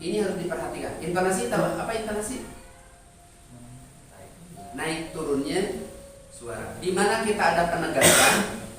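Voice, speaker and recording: A man's voice: on the high side, lively intonation, moderate pace, pauses often. A man teaching trainees how to preach, talking emphatically and addressing them directly. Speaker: Islamic preacher teaching sermon delivery. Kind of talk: instructional talk to trainees. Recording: echoey room, distant mic, music behind.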